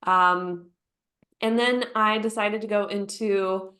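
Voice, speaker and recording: A woman, a therapist who is a podcast guest, telling her story in a lively way and playfully acting out remembered lines. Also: mid-range voice, takes it slowly. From United States. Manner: lively storyteller who acts out quotes with laughter. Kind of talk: conversational storytelling interview.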